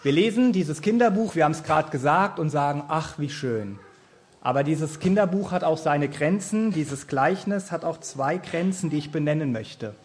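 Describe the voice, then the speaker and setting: A man's voice: a little high, normal speed, hardly any pauses, a little mellow. A man in his thirties giving a sermon in an earnest, explaining manner. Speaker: preacher.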